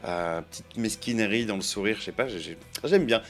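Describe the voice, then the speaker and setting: A man's voice: on the low side, lively intonation, a little fast, faint music behind. A man giving chatty, playful commentary while opening trading card boosters, counting out cards and joking with his viewers. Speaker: card-opening video creator.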